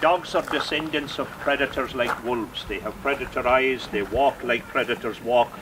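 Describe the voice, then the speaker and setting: A man's voice: mid-range voice, moderate pace, recorded from a distance. A man explaining a live sheepdog demonstration to spectators outdoors, in an instructive way. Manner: explanatory, rhetorical questions. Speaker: sheepdog trainer and presenter. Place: outdoors at a sheep dog trial. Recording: very noisy outdoor recording.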